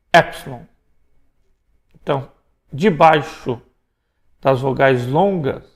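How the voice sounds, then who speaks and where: A man from Brazil giving a recorded language lesson. His voice sits a little higher than most men's. He explains patiently and points things out on the board as he goes. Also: gravelly. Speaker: Greek language teacher. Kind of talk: recorded lecture.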